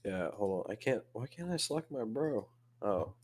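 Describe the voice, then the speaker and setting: A man's voice: fairly low pitch, expressive, normal speed, a little mellow. A man playing a tabletop game online, laid back, working out his moves aloud. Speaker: player. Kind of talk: casual chat during a tabletop game.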